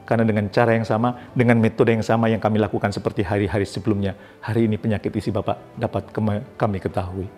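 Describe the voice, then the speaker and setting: Man voicing a doctor, middle-aged, calm, formal, low and measured. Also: close to an everyday voice.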